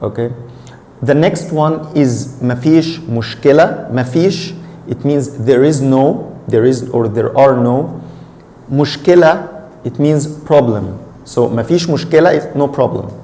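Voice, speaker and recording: A man's voice: medium pitch, dark tone. Male language teacher. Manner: deliberate, repeats phrases for learners. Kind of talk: instructional lesson, explaining and repeating phrases.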